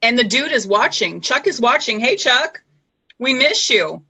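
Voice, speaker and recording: A woman's voice: fairly high pitch, very animated, measured pace, pushed and bright, slightly rough, low-quality recording. A woman hosting a casual live-stream chat over a video call, bubbly and giggly, with lots of exclamations. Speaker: show host.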